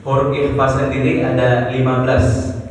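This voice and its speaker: A man teaching a Quran recitation lesson, patient and slow, often checking in with his students. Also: mid-range voice, little pitch movement, slight background noise. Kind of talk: tajwid lesson. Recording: echoey hall, mic far off.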